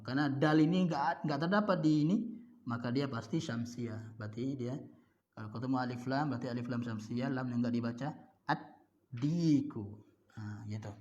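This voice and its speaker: Indonesian man teaching Arabic, slow and repetitive. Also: mid-range voice, darkish tone, lo-fi sound. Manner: slow, drawn-out example words, repeats points with "ya" and "nah". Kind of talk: recorded grammar lesson.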